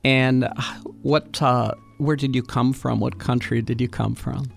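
A man hosting a radio interview, asking friendly questions with many "uh" pauses. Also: medium pitch, fairly even intonation, gravelly, soft background music. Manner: friendly questioning, frequent "uh" fillers. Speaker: radio host interviewing young guests.

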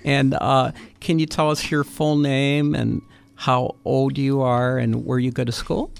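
A man hosting a radio interview, asking friendly questions with many "uh" pauses. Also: medium pitch, level tone, creaky, smooth. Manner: friendly questioning, frequent "uh" fillers. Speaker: radio host interviewing young guests.

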